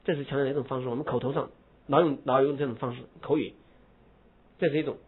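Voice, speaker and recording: A man's voice: medium pitch, steady tone, fast talker, breathy edge. A man teaching English grammar to a class, explaining step by step and stressing key words. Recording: tinny phone-like classroom recording.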